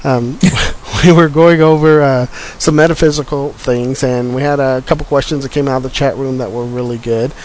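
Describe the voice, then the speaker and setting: A man's voice: medium pitch, steady tone, normal speed, a little mellow, slight background noise, poor audio. A man hosting a radio show in casual interview chat, often stumbling over his words.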